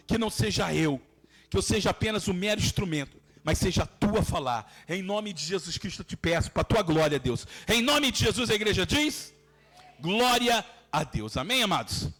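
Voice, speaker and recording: A man's voice: very high voice, pushed and bright. A man with a Brazilian Portuguese accent, a pastor preaching and praying fervently in a preaching cadence. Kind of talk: sermon and fervent prayer.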